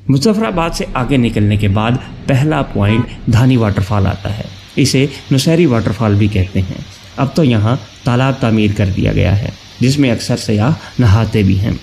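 Man, scripted travel narration, mid-pitched voice, faint noise underneath. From Pakistan. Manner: steady, informative, listing places one by one.

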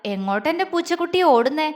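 A woman storyteller voicing a young man who speaks softly and affectionately to the woman he loves. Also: high-pitched, expressive, moderate pace, big-room sound. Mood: tender, coaxing. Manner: soft, affectionate, coaxing. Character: loving, teasing young man, gentle and protective.

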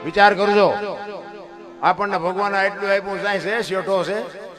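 A middle-aged man with a Kathiawadi Gujarati accent telling folk stories and moral sayings in a folksy manner. He calls his listeners "bapu" and now and then bursts into high, loud exclamations. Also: steady tone, moderate pace, over music. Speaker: folk storyteller. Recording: musical accompaniment playing behind the voice.

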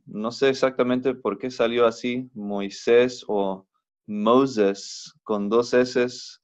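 A man teaches a recorded language lesson at a very slow, unhurried pace. He is patient and says each word several times over for pronunciation. The audio is a bit dull and lo-fi. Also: lowish voice, gravelly. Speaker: biblical Hebrew teacher.

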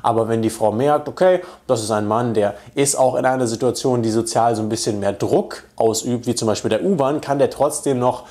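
A man's voice: mid-range voice, brisk, hardly any pauses, a little mellow. A man giving dating advice as a coach in a direct, confident way. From Germany. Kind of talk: instructional video talk to camera.

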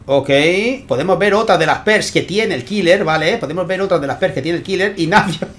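Excitable Spanish gaming commentator man. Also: sits high, fairly quick. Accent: Spain Spanish. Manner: excitable, constantly checking in with viewers. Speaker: channel host and tournament commentator. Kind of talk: gameplay commentary.

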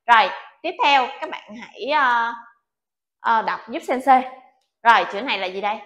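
A patient woman teacher walks students through an alphabet lesson, coaxing them and checking in after every few sounds. Her voice sits a little high, and the room around her rings with echo. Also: lively intonation, normal speed, fairly bright tone. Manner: patient, coaxing, checks in with "được chưa?" often. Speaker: Japanese language teacher. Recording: echoey room.

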